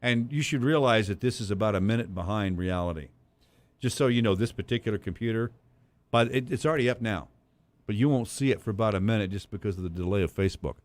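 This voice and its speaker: A man's voice: fairly low pitch, no room sound. Joking man hosting talk radio. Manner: joking, quick to banter. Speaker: radio show host. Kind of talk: casual talk radio chat. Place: studio broadcast streamed live.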